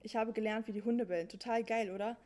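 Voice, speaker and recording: A woman's voice: a little high, steady tone, quick pace, darkish tone, close to an everyday voice. A woman voicing a dim, cheerful young son full of naive enthusiasm. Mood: eager.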